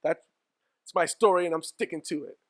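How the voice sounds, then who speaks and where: A man's voice: fairly high pitch, brisk, fairly bright tone, dry recording. A man in his thirties co-hosting a podcast in casual chat, joking and slangy and laughing often. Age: 30s. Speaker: podcast co-host.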